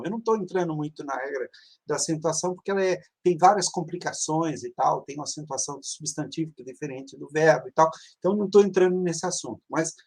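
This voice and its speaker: A man's voice: on the high side, a little mellow. A man, a reverend teaching an online class, who explains patiently and drills word endings aloud. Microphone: video call.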